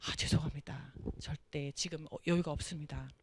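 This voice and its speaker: A woman voicing a polite adult male security guard who firmly refuses in a low, formal way. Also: steady tone, a little fast, gravelly, a bit bright, slight background noise. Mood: politely refusing.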